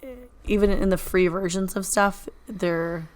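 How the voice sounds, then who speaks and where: A woman hosting a teaching podcast, a little hoarse after nearly losing her voice, chatting casually with many fillers. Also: mid-range voice, measured pace. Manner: relaxed, conversational, lots of fillers. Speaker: podcast host. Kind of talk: casual chat.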